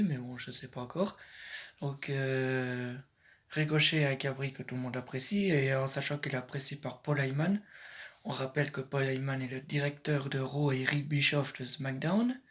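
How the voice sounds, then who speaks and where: A man's voice: medium pitch, fairly bright tone. Hesitant French man vlogging. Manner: hesitant, often corrects himself mid-sentence. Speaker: YouTuber giving predictions. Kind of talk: casual commentary vlog.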